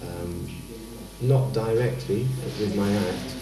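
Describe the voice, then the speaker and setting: A man, a street performer interviewed for TV, talking calmly and hesitantly with many pauses. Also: lowish voice. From France, raised in England. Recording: roomy echo, distant mic.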